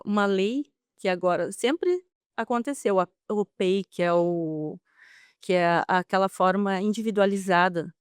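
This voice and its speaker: A woman's voice: mid-range voice, clean tone, no room sound, studio quality. A woman guest speaking earnestly and emphatically about inclusion in an interview. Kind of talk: interview answers.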